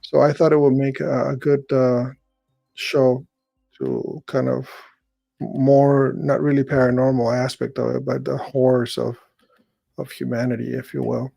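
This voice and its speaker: Here a middle-aged Chilean man hosting a show speaks in a mid-range, creaky, dark voice, level in tone and a little slow, with no room sound. After reading an article aloud, he remarks on it loosely, stumbling through many fillers and restarts.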